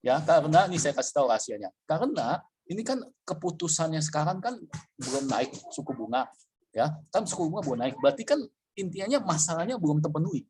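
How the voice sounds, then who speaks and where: A man's voice: on the high side, very animated, quick pace, a little mellow, a little hiss or hum. A man presenting a casual trading webinar, chatty, with frequent fillers and checks that the listener follows.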